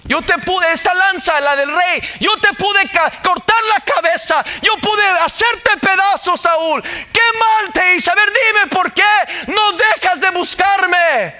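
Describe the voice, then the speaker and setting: A preacher doing young David, pleading, impassioned, high and bright, near shouting, sermon acting. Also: male voice, slow, few pauses, exaggerated voice. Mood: pleading anguish. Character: pleading young man David confronting a king. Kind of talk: acted retelling in a sermon.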